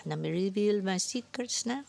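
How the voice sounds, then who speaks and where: Woman doing a creaky old French market woman. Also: medium pitch, lively intonation, moderate pace, darkish tone, pitched above the performer's own voice. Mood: sly. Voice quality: creaky, heavy-accented, drops to whispers. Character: crusty elderly French woman vendor, sly.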